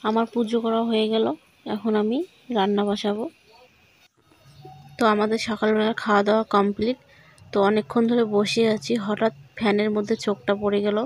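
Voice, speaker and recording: A woman's voice: medium pitch, level tone, brisk, pauses often. A young woman talks viewers through her household chores and her two daughters in a chatty home vlog. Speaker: vlogger, mother of two daughters. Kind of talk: casual vlog narration of daily chores. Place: home and courtyard by a water tap.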